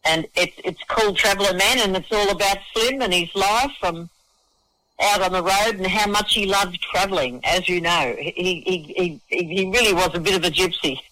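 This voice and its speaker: A middle-aged or older man with an Australian accent, festival organiser and singer-songwriter, is the guest in a casual radio interview, chatting effusively and matily and frequently repeating words as he starts phrases. His high voice is expressive, pushed and bright, at normal speed, on a low-quality recording.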